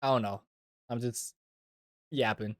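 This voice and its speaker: A man's voice: medium pitch, steady tone, measured pace, slight background noise. A man streaming casual reaction commentary, talking informally with lots of "like" and some swearing.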